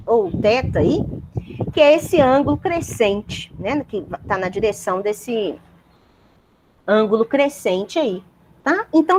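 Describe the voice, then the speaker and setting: Lively woman physics lecturer. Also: fairly high pitch, slight background noise. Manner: keeps checking in with students, explanatory. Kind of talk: university lecture.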